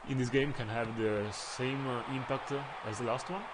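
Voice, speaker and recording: Here an Italian man with a medium-pitched voice comments on his football video game stream in English, his second language. His accent is Italian, he halts frequently with fillers as words escape him, and heavy background noise fills the clip.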